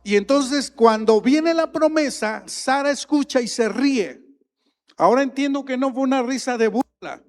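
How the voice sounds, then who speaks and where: Male preacher, high-pitched, emphatic sermon delivery, echoing church hall. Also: normal speed, faint music behind. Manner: emphatic, climbing louder on key points. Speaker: pastor. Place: church sanctuary. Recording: long reverb of a large hall.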